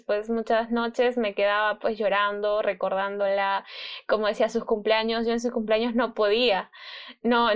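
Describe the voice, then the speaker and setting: A young woman giving an emotional faith testimony, halting, with many fillers and restarts. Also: on the high side, clean tone, highs cut off. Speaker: guest sharing testimony.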